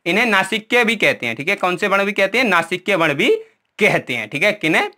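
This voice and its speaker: This male Hindi teacher leads an exam-prep lesson in a high, bright, ringing voice with big pitch swings, talking fast. He quizzes the class, answers his own questions, checks in after each point and often repeats "ठीक है" while walking through memory tricks and pointing at what he has written.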